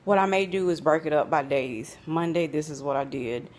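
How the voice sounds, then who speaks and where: A woman's voice: low-pitched, normal speed. A woman, chatting casually and correcting herself as she cleans her home kitchen on a phone camera. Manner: chatty, relaxed, self-correcting. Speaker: vlogger. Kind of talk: casual chat while cleaning.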